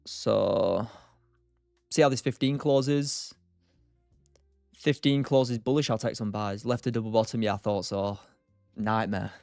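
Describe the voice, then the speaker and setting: A man's voice: on the low side, fairly even intonation, unhurried, gravelly, long pauses, a little mellow, no room sound, studio quality, soft background music. A tired man hosting a live stream, thinking aloud and answering chat in a loose, casual way. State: tired, short on sleep. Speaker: streamer, day trader.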